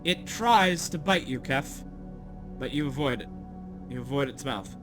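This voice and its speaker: A man narrating as game master in a relaxed way, laughing and filling pauses as he describes the action. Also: medium pitch, over music.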